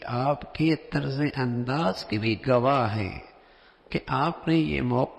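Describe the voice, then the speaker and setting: Gravelly male preacher in a reverberant hall. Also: medium pitch. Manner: explanatory, acts out example phrasings. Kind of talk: sermon.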